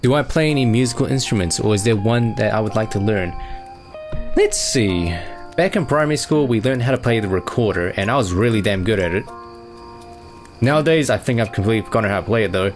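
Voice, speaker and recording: A man's voice: on the low side, expressive, a little fast. A young man chatting casually as he answers fan questions, easygoing and rambling with plenty of fillers. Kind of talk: casual chat. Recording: music playing behind.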